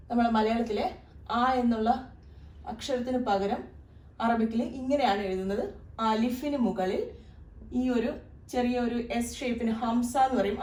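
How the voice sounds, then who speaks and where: A woman with a rather high, slightly mellow voice teaches a beginners' Arabic lesson, patiently explaining and repeating each sound. She sounds distant, recorded in an echoey room.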